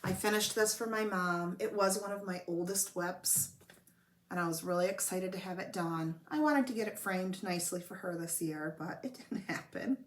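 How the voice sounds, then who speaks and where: A woman's voice: on the low side, moderate pace. A woman hosting a home stitching show, chatting casually and rambling a little while she fights a cold. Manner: chatty, rambling, self-deprecating. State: coughing from a cold. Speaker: flosstube host. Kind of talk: casual show-and-tell chat. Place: home room with blanketed windows.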